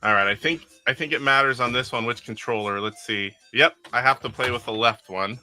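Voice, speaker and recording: Streaming casually from the game room in his attic, this middle-aged retro gaming host rambles, laughs, and reads his viewers' comments aloud between plays. He talks a little fast in a bright, forceful, medium-pitched voice, with faint music in the background.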